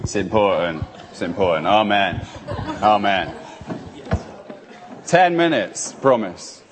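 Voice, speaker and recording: His voice sits fairly low and he takes his time, preaching an interactive sermon on a handheld microphone in a church hall. Playful and animated, he calls people up by name, while hall reverb and a noisy background color the sound.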